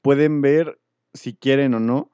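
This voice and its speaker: A Mexican man with a mellow, relaxed voice chats loosely with a friend, slipping slang into every phrase and breaking into laughs between stories. The sound is close and dry, with the dull edges of a lo-fi recording. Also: medium pitch, slow pace, clean tone, no room sound. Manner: slangy, laughs often, rambling anecdotes. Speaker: podcast co-host. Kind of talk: casual chat.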